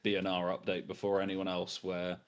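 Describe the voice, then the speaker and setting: A man's voice: sits low, completely flat delivery, a little fast, clear, resonant tone. A man co-hosting a live stream, speaking casually and bluntly with some swearing. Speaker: livestream co-host.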